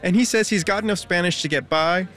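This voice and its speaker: Speaking fast in a high voice, a man reports a public radio news feature in a lively, conversational way, quizzing the listener as he goes.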